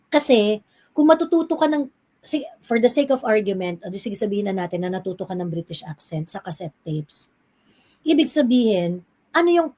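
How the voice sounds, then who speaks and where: A woman co-hosting a gossip commentary show, firing off rhetorical questions as she picks apart someone's behavior. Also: on the high side. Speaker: show co-host.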